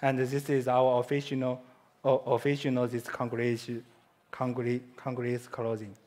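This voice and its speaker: A man with a Chinese accent delivers a conference presentation in broken, halting English, frequently backing up to fix what he said. He is a native Chinese speaker. His medium-pitched voice is monotone and somewhat dark.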